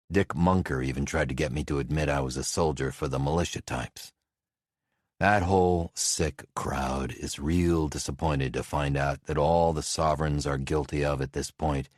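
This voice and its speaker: A man voicing a gruff, reclusive male falconer who speaks bluntly and low in an audiobook. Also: no room sound, studio quality.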